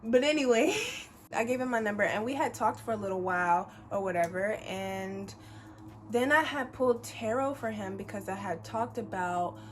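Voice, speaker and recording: A woman of about twenty telling a story to camera in a casual, animated, chatty way, full of fillers and swearing. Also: medium pitch, moderate pace, slight background noise. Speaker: vlogger.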